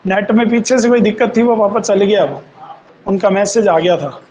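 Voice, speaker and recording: A man teaching an online grammar class, slowly dictating definitions and repeating phrases for students to copy down. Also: sits high, a little mellow, dull audio, slight background noise. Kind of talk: online Hindi grammar lesson.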